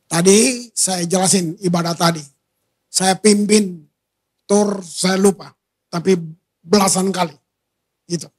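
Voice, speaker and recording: A man preaching a sermon in a church, conversational, switching between slow emphatic phrases and quick asides. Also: high-pitched, fairly even intonation, breathy edge. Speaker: pastor.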